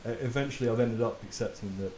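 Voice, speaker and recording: A man's voice: medium pitch, quick pace. A man hosting a podcast as a personal trainer, talking casually and laughing easily, with the odd swear. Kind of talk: casual chat. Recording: roomy with steady hiss.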